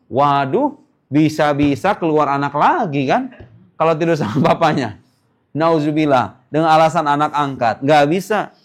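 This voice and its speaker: Man, Islamic lesson, conversational, rhetorical questions, joking. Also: mid-range voice. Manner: lively, questions the class and answers himself; casual, joking. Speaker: Islamic teacher. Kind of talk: informal religious lesson.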